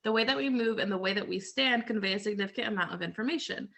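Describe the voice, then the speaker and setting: A woman's voice: medium pitch, quick pace, vocal fry, fairly bright tone. A woman casually leading a group lesson over a video call, explaining with everyday examples and lots of "so" and "like". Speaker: group leader presenting a lesson. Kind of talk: casual teaching talk to a group.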